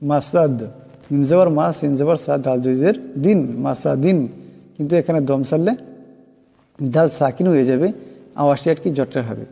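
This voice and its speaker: Guy teaching quran word by word, slow chant, mellow voice, reverby hall w faint music. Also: fairly high pitch, creaky. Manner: slow melodic chanting of verses, quick plain explaining. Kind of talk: spelling-out recitation lesson.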